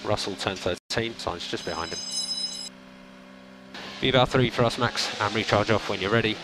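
A man's low voice comes through race car team radio as he guides a driver. He gives calm, clipped instructions and repeats each one. Loud engine noise runs under every word. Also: normal speed.

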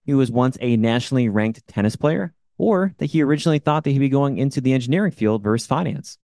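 A man's voice: mid-range voice, animated, fast, dark tone, no room sound. Upbeat male podcast host, dry sound. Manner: upbeat, eager. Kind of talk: scripted show intro and interview questions.

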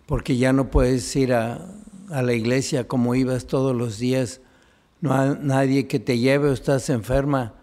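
A man's voice: mid-range voice, mellow. A man, a priest, reading the gospel and giving an earnest homily that speaks directly to listeners.

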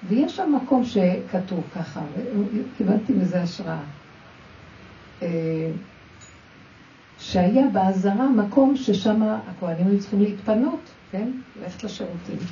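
A woman teaches a spoken religious lesson for women, sharing personal stories, acting out quoted dialogue, and speaking directly to her listeners. Her mid-range voice is dark in tone and expressive, with frequent pauses. The recording is dull and roomy, captured from a distance with a little hiss or hum.

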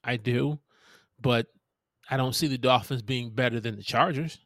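A man's voice: mid-range voice, normal speed, a bit bright, no room sound, clean studio sound. An older man co-hosting a sports podcast, stubborn and teasing in short replies. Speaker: podcast co-host. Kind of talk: casual sports debate.

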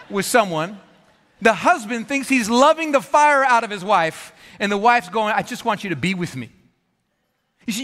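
A man preaching to his congregation in a church auditorium. His voice sits high and sounds bright and forceful. He talks in an easy, conversational way and acts out small everyday scenes with humor, and the sound carries the long echo of a big hall. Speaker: pastor. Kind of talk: sermon. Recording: long reverb of a large hall.

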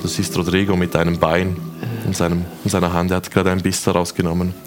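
A man from Switzerland narrating as game master of a tabletop game, slow and dramatic, voicing figures' quotes. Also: sits low, monotone. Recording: music playing behind.

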